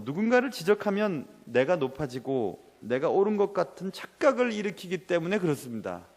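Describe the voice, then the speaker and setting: A man's voice: on the high side, in a large hall. A man preaching a sermon as pastor, earnest and emotional.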